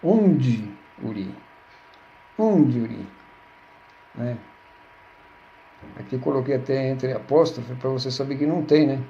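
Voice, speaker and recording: A man's voice: mid-range voice, moderate pace, warm tone, slight background noise. A man teaching a Hebrew grammar lesson, patiently repeating words and checking with his listeners. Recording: dull lo-fi recording.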